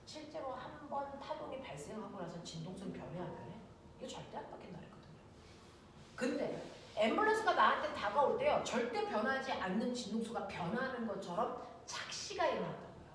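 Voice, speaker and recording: Female science teacher, highish animated voice, noisy recording. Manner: lively, checks in with students often. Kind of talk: classroom lecture. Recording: echoey room, distant mic, noisy.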